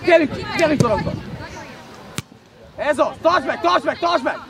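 A coach's voice rings out from the sideline of an open-air pitch, rising high and swinging widely as he barks urgent orders. The sound is buried in loud crowd noise from the match around him. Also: animated, vocal fry. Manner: urgent, barking short commands. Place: outdoor football pitch sideline.

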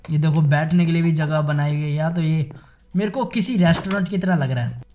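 A young man giving chatty, excitable commentary while playing a game, talking straight to his viewers. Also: fairly high pitch, brisk, soft background music. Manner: chatty, excitable, addresses viewers as guys and bhai sahab. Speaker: gaming YouTuber. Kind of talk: casual Minecraft let's play commentary.

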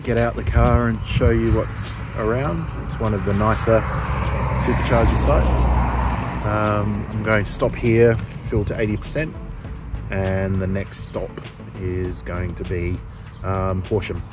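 Over loud music, a middle-aged man speaks to camera for his road trip vlog in a fairly low, fairly even voice, hesitating and pausing as he works through his thoughts. He holds a phone or camera at arm's length while sitting in a parked car or standing at roadside charging stops.

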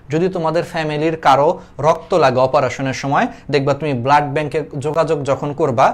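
Young Bangladeshi man teaching a class. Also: a little high. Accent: Bangladeshi Bengali. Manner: explains terms, repeats them, asks students questions; colloquial dialect forms mixed with English terms. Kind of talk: online class lecture.

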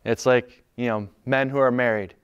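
A man preaching a sermon in an earnest, conversational way, dropping to soft, calm lines. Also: medium pitch, normal speed, smooth, highs cut off. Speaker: pastor.

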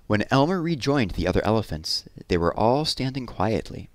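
A man in his thirties reading a children's story aloud expressively, with deliberate pauses and drawn-out words, on a headset mic. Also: on the low side, very animated. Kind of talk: children's read-aloud narration. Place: small room at home, indoors.

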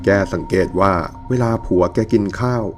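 Low-voiced man telling a ghost story. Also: soft background music. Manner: calm, measured storytelling with quoted dialogue. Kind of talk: scripted storytelling narration.

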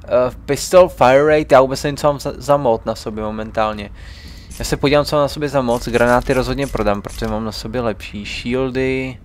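A man's voice: mid-range voice, steady tone, slight background noise. Chatty young man narrating his gameplay. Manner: chatty, muttering to himself while playing. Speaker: let's play gamer. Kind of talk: casual gameplay commentary.

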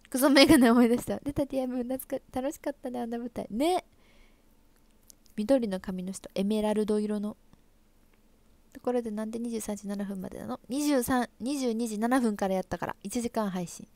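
A woman's voice: on the high side, darkish tone, no room sound. A young woman from Osaka speaking in Kansai dialect, casually chatting with viewers and reading their comments on a live stream. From Osaka, Japan. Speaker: livestream host and stage actress.

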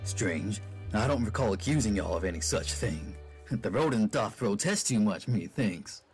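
A man doing a gravelly husky-dog cop. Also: fairly low pitch, lively intonation, normal speed, soft background music, lightly acted. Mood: suspicious. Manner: drawling, sly and suspicious. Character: smug gravelly male husky dog police officer.

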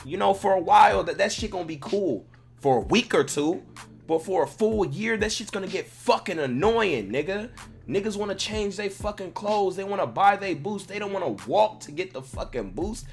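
He sits high in pitch, speaking expressively at normal speed with vocal fry. This young American gaming video creator offers slangy, sweary, venting commentary on clips over music.

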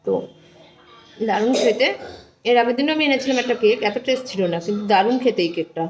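A middle-aged woman talks to her viewers from her own home in a homely, chatty way, as if to friends. Her voice sits a little high. She holds a phone in one hand to record herself. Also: animated, fast talker, a little mellow, faint music behind. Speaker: home vlogger. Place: home, indoors. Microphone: phone held in one hand.

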